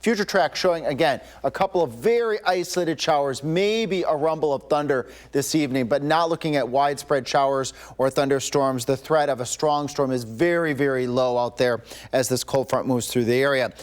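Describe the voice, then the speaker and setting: A man giving a live weather forecast as a TV meteorologist, relaxed and ad-libbed. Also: medium pitch, normal speed, hardly any pauses. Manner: relaxed, ad-libbed, some restarts. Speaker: chief meteorologist. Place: TV news studio.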